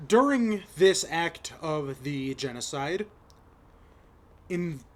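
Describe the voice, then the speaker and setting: A young man from Las Vegas giving an impassioned personal commentary, choked up at times and rising to angry outbursts. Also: fairly high pitch. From Las Vegas, Nevada. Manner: slow, impassioned, rising to shouts of anger. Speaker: vlogger.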